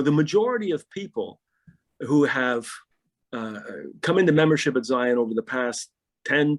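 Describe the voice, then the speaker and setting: Speaking in a mid-range voice, a middle-aged pastor being interviewed on a podcast recounts stories with animation, frequently repeating words at the start of a thought.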